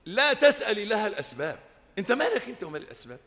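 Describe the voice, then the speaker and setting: A high-pitched man with an Egyptian Arabic accent preaches to a gathering. He tells stories and calls out to his listeners for answers. His voice rings with a long hall reverb. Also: rapid-fire. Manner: lively, calls and responses with the audience. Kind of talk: sermon with storytelling.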